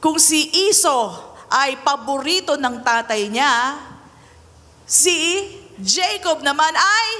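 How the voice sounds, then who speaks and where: A woman pastor preaching a lively sermon in mixed Tagalog and English, asking her listeners "Amen?" and acting out the Bible figures' lines. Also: sits high, big-room sound. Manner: mixes Tagalog and English, asks the congregation "Amen po ba?".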